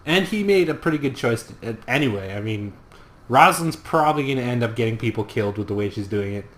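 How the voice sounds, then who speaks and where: A man's voice: mid-range voice, expressive, fast, fairly bright tone. A man swearing and joking while recapping a TV episode with friends. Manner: swearing, jokey, acts out characters. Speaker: podcast co-host. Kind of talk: casual TV recap chat.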